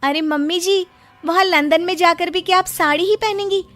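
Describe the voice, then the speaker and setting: High-voiced woman narrating a cartoon. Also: steady tone, normal speed, a bit bright. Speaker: storyteller and daughter-in-law voice.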